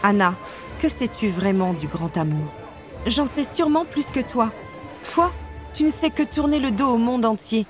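A guarded young storybook queen speaks in a tense, clipped, commanding voice, as a woman reads her part. Her pitch sits somewhat raised, and music plays behind her. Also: lively intonation, normal speed, natural voice. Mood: sharp. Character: cold, guarded young queen with icy powers.

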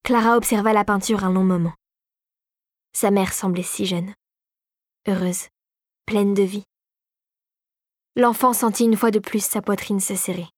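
Woman calmly narrating a storybook. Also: medium pitch, unhurried, pauses often, no echo, clean studio sound.

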